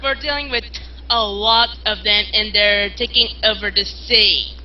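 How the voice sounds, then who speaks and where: A woman's voice: mid-range voice, normal speed. A woman playing a tabletop game, rambling and hesitant in casual chat, in a dull lo-fi recording. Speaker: player.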